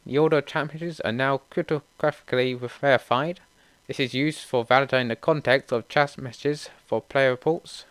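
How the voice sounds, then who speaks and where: A young gaming channel host reads patch notes aloud in a steady, matter-of-fact way, dropping relaxed asides between items. His medium-pitched voice is smooth and clear, captured close and dry with no echo or room sound.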